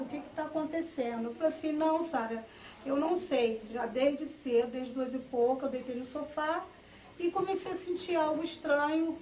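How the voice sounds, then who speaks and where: A woman's voice: high voice, darkish tone, a little hiss or hum. A middle-aged woman giving a personal testimony, telling her story with quoted family dialogue. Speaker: church testimony speaker. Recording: echoey, from far off, music behind.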